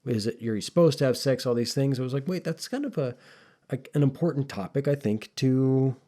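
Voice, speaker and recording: A man's voice: medium pitch, expressive, brisk, warm tone. A man co-hosting a podcast, talking casually and thoughtfully, rambling with frequent restarts. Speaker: podcast co-host.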